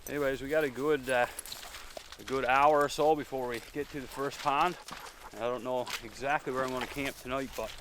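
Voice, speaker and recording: Brief: winded man vlogging outdoors. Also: medium pitch. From Newfoundland. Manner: relaxed, chatty, with frequent fillers. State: out of breath from hiking. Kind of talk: casual vlog talk to camera. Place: outdoors in windy wilderness. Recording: outdoor recording with clear wind and ambient noise.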